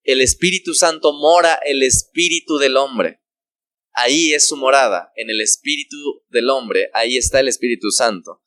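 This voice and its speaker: A man's voice: medium pitch, moderate pace, fairly bright tone, dry recording. A man preaching a sermon who asks the congregation rhetorical questions and briefly acts out the voices of the people in his parable. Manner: acts out quoted dialogue in the parable.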